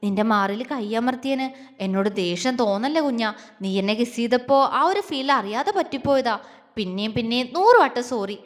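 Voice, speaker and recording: A woman voicing a tender, lovestruck young man who speaks softly and hesitantly with affection. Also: fairly high pitch, expressive, moderate pace, big-room sound, natural voice. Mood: pleading. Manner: soft, affectionate, hesitant speech.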